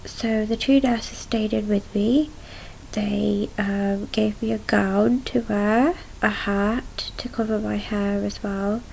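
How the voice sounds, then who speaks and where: Young female diarist, lowish creaky voice, subdued and halting, casual recounting over noticeable noise. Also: darkish tone, rough recording. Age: young adult. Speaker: patient recording a video diary. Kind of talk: casual video diary recounting events. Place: small room at home, indoors.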